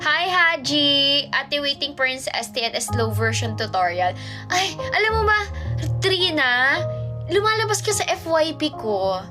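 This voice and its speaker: High-voiced young woman chatting on a livestream. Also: sing-song, unhurried. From Philippines. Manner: reads viewer comments aloud and answers them playfully, mixing English and Filipino. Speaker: idol livestreamer reading fan comments. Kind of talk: casual livestream chat. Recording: livestream with background music. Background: music playing in the background.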